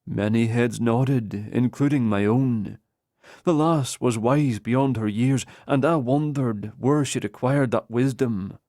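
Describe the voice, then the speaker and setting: A man narrating an audiobook in the first person with slow, measured storytelling. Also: mid-range voice, darkish tone, no echo, clean studio sound.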